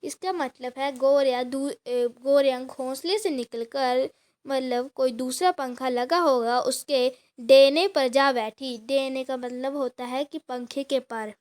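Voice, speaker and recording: Woman teacher, high voice, unhurried, reads a passage then unpacks it line by line, many restarts. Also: darkish tone. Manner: reads a passage aloud, then explains each line in simple words; frequent restarts and filler sounds. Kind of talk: explaining a textbook lesson.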